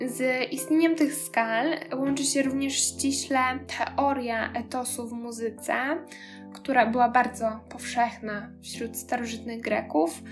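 A woman giving a spoken lecture on music history, explaining steadily with small hesitant fillers. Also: high voice. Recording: music playing clearly behind.

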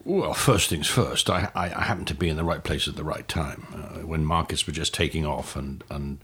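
An older man from Wales answering interview questions in a halting way, with many restarts and fillers. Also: a bass voice, bright, forceful tone, breathy edge. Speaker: guest.

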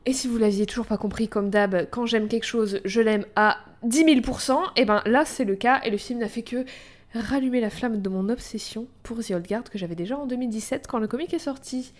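A woman's voice: fairly high pitch, brisk. A woman hosting a podcast in casual chat, enthusiastic and swearing freely. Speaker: podcast host.

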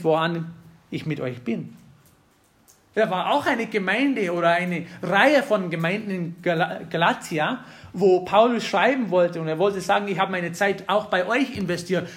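High-voiced man preaching casually. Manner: conversational, jokes with the congregation. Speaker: pastor. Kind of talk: sermon.

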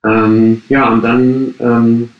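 A man in his late thirties from Germany's Ruhr area, a coworking space co-founder appearing as a podcast guest, answers interview questions casually. His mid-range voice is level, he draws out his words, and he hesitates often with many fillers and restarts. The sound is phone-quality with a roomy echo.

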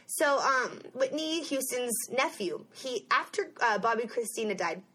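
A young woman hosting a podcast, telling a story in a chatty, animated way and saying "like" often. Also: a little high, unhurried. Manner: chatty, animated, uses "like" a lot. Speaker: podcast host. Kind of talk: casual chat, storytelling.

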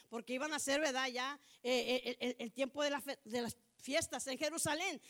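High-voiced lady preacher, keeps saying brother, gets loud and fired up. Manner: addresses listeners as brother again and again, rises to fervent outbursts. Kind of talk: sermon.

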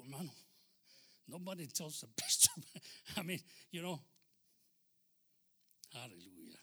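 Bright-voiced preaching pastor. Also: male voice, mid-range voice, breathy edge. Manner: switches between Spanish and English, preacherly calls of amen. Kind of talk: bilingual sermon.

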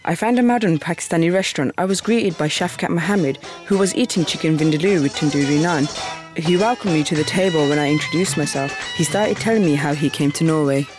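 A man's voice: on the high side, fast, music in the background. A man delivers scripted narration in the first person, as in a documentary.

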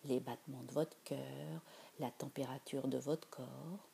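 A woman leading a guided meditation in a soft, soothing voice that drifts into whispers. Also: rumbling low, steady tone, measured pace, creaky, a little hiss or hum.

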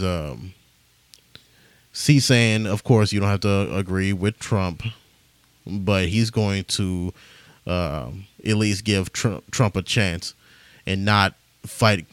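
A man hosting a podcast in casual chat, rambling with lots of fillers and restarts, swearing freely and reading posts aloud haltingly. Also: lowish voice, clear, resonant tone, no echo. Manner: reads social media posts aloud haltingly. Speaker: podcast host.

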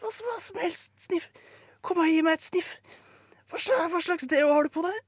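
A man voicing a manic, exhausted woman with a hoarse voice who pleads in a frantic, stammering rush, in a live comedic radio play. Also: extremely high pitch, dry recording, studio quality, voice pushed up.

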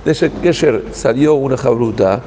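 A man's voice: medium pitch, moderate pace, mellow, big-room sound, a little hiss or hum, low-quality recording. A man with an Argentine Spanish accent, a rabbi giving a Torah talk and telling a story, acting out the dialogue in quoted voices.

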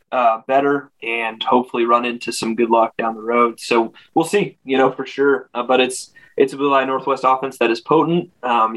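A man with a middle-pitched voice gives off-the-cuff football analysis as a guest reporter. He talks haltingly, repeating words and dropping in "you know" as he gathers his thoughts. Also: fairly bright tone, low-quality recording. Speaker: sports reporter guest on a radio football show.

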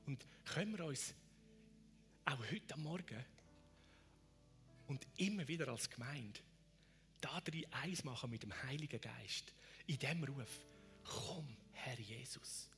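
Male pastor, slow and deliberate, rising to fervent appeals, sinking to whispers. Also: mid-range voice, animated, soft background music. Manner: alternates fervent raised appeals with hushed whispered prayers. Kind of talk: sermon.

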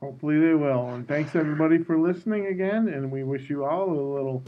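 A man's voice: a little high, fast talker, narrow, tinny audio, a little hiss or hum. A man signing off a podcast in an easygoing way. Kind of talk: casual podcast sign-off.

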